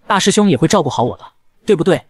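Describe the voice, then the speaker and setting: A man voicing a cold, reserved young male disciple who answers curtly, in a fast manga recap narration. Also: fairly high pitch, lively intonation, a little mellow, husky, no echo. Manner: cold, curt.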